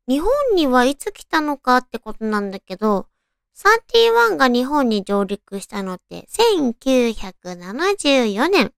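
A woman with a naturally high, cute anime-girl voice, hosting a casual solo radio talk and chatting to listeners in a girlish, friendly way. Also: gravelly, clear, resonant tone, no room sound, studio quality. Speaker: radio show host.

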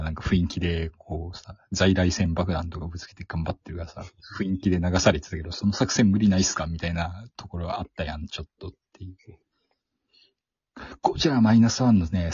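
Low husky man, animated chat. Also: quick pace, no echo. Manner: animated, joking, often acting out quoted reactions. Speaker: podcast host. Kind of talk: casual chat about a film. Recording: dull lo-fi recording, dry.

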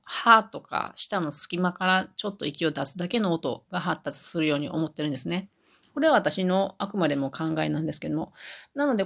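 A woman's voice: deep voice, gravelly, a bit bright. A woman talking on her own in a chatty, explaining way, amused by her examples. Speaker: podcast host. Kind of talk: solo podcast talk.

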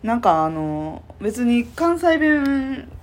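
A young woman from Nara with a Kansai accent co-hosting a late-night radio show, relaxed and chatty as she patiently explains dialect words. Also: on the high side, slow. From Nara, Japan. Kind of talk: casual radio chat.

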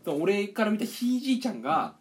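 Young man, casual podcast chat, fast talker, very lively pitch, acts out quotes. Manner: animated storytelling, acts out quotes. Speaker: podcast co-host.

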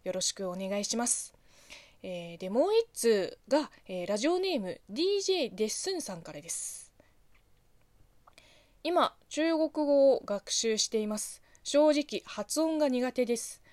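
Hosting her own radio talk show, a woman from China speaks Japanese with a Chinese accent as she reads out listeners' letters and responds in a lively, chatty manner packed with fillers. Her voice is on the high side at a moderate pace, with no room sound.

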